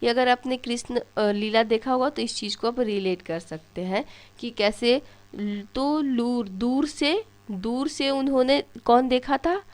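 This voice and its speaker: A young woman with a fairly high, slightly slow voice teaches an exam-prep lesson. She tells little stories and asks questions that she then answers herself.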